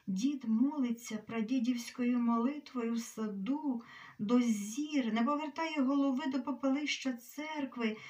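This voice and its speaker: Slow, hushed woman reading a story. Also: high-pitched, far from the mic. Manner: slow, often sinking to a whisper. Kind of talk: literary reading.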